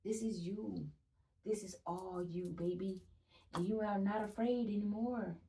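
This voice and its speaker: A woman's voice: mid-range voice, fairly even intonation, measured pace, mellow, distant mic, a little hiss or hum. A young woman gives a casual spiritual energy reading, chatty and emphatic, repeating phrases, swearing and laughing often.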